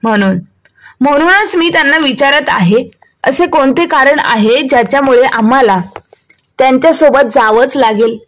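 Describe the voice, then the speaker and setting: A calm but firm elderly mother presses her grown sons for answers, read by a woman storyteller. The voice is high. It comes from a spoken storybook. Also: moderate pace, close to an everyday voice. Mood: insistent. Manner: soothing, then firmly questioning.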